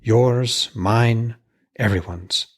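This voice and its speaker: Man voicing a husky, eager, respectful smith. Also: medium pitch, very slow. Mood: insistent. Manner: deferential, inquisitive, chatty. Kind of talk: dramatised reading of a myth tale.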